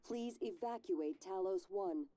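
A woman voicing a calm female ship computer that gives even, measured alarm announcements in a video game. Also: medium pitch, close to an everyday voice. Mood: calm warning.

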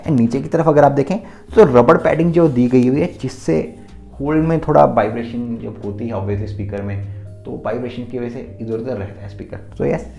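A man with a gravelly, fry-tinged voice walks through a gadget review in a casual, chatty way, switching between Hindi and English. He speaks into his own mic in a roomy space with a noticeable echo, and faint music sits underneath. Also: mid-range voice, warm tone. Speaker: tech reviewer. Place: indoor room lit by softbox lights. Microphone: his own mic set up.

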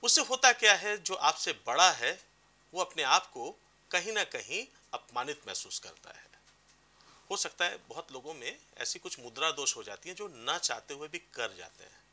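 A man's voice: a little high, big pitch swings, normal speed, sharp tone. A man giving advice as a career counselor on a TV talk show, explaining with examples. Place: TV studio.

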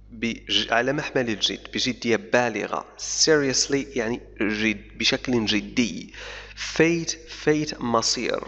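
Slow gravelly man teaching English. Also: medium pitch, pushed and bright. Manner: reads English slowly word by word, then explains in Arabic; pauses with fillers and corrects his own slips. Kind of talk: reading a news article aloud and explaining it. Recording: dull lo-fi sound with long reverb.

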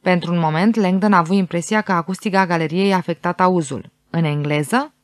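A woman narrating an audiobook in a steady storytelling delivery. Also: on the low side, no room sound, studio quality.

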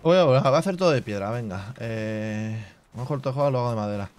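A man hosting a casual let's play, reading game menus half to himself and chatting to his viewers with relaxed asides. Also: mid-range voice, brisk. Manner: chatty asides to viewers with filler tags like "tío". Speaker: gaming channel host.

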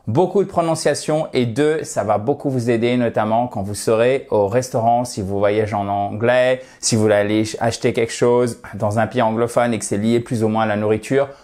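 A man, an English teacher, giving an online language lesson in a playful way. He stretches out words slowly for pronunciation drills and swings his voice high and low for emphasis. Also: a little mellow. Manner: jumps between high and low tones for emphasis.

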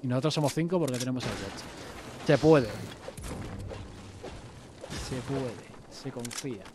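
A man from Spain with a Spanish accent, streaming a game live with friends, excitable and repeating his calls out loud. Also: medium pitch, moderate pace, noisy background. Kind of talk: live gaming chat.

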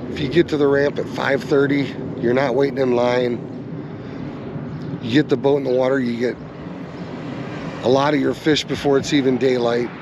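Man, fishing vlog host, folksy instructive, mid pitch, outdoors, faint background noise. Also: dull audio. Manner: folksy, instructive, addresses viewers as guys. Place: outdoors on or by the river.

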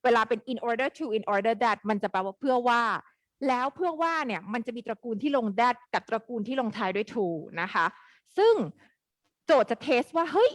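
A woman teaching an English grammar lesson live online, quizzing her students in a lively way. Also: a little high, brisk, no room sound.

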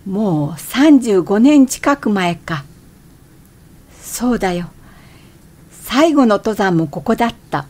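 An actress plays an irritable middle-aged woman out hiking, narrating her thoughts as a theatrical, expressive inner monologue in radio drama style. Her medium-pitched voice moves slowly with long pauses, and the mood is reflective.

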